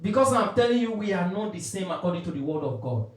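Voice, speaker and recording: Emphatic high-pitched male preacher, echoey. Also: big pitch swings, fast. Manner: emphatic call-and-response preaching, quoting King James scripture. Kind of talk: street sermon. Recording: echoey, from far off the mic.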